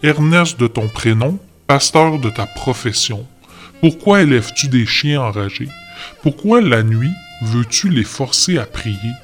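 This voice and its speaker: Guy doing a shouty bitter neighbor, rants and rants, bit of guitar behind. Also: mid-range voice, a little slow, close to an everyday voice. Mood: indignant. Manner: shouting, harangues. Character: loud ranting male upstairs neighbor, bitter and self-pitying.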